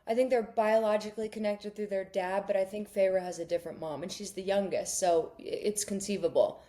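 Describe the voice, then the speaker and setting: A woman's voice: medium pitch, fairly even intonation, brisk, warm tone. A young woman co-hosting a casual book club podcast, chatty, swearing freely and acting out quotes in little voices. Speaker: podcast co-host.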